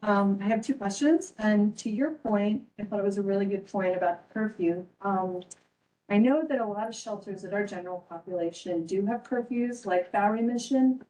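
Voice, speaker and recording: A woman's voice: mid-range voice, normal speed, dark tone. Hesitant woman at a distant mic. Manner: hesitant, many fillers and restarts. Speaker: resident speaking at a community board meeting. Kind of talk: public comment at a meeting.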